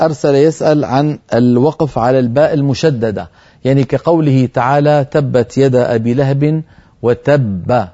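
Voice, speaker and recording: A man teaching Quran recitation on a TV program, answering viewer questions firmly and reciting verses slowly to demonstrate. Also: medium pitch, mellow, highs cut off.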